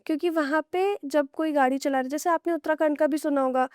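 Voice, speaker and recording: Speaking quickly in a high, somewhat dark voice with fairly even intonation, this young podcast guest spins horror tales in a relaxed way, pulling the audience into hypotheticals. The studio-quality audio has no echo.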